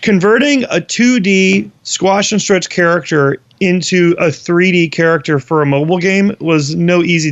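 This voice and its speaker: A man's voice: on the high side, no room sound, dull audio. A man in his late thirties, an animation consultant, explaining at length in a casual interview. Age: 30s.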